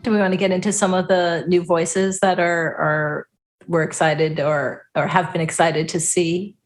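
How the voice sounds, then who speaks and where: A woman's voice: fairly low pitch, steady tone, moderate pace, soft background music. A woman co-hosting a casual baseball podcast, chatty and joking, laughing often. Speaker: podcast co-host.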